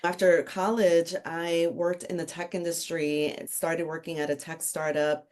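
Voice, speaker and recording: Middle-aged woman from the dominican republic, low voice, chatty podcast guest. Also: flat delivery, measured pace, darkish tone. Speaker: podcast guest, author and consultant. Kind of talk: casual interview chat.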